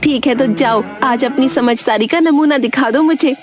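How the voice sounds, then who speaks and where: A woman's voice: sits high, moderate pace, natural voice. A woman playing a fed-up village wife in a cartoon, scolding and exasperated with her husband. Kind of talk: cartoon voice acting. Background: background music.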